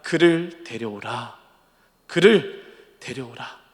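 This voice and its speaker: A preacher voicing a calm commanding Jesus. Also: male voice, mid-range voice, pitched below the performer's own voice. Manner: slow, measured, commanding. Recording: long church hall reverb.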